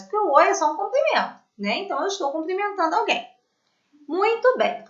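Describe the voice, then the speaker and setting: A schoolteacher explaining a lesson to children in a slow, sing-song way, often checking in with short questions. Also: female voice, sits high, pushed and bright. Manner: slow, sing-song teacher talk with frequent tag questions. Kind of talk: online Portuguese class for children. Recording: echoey room, slightly dull lo-fi audio.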